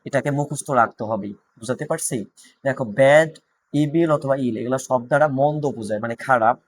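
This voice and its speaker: A man's voice: medium pitch, moderate pace. A man with a Bangladeshi Bengali accent teaching an English grammar class, repeating points and asking students check questions.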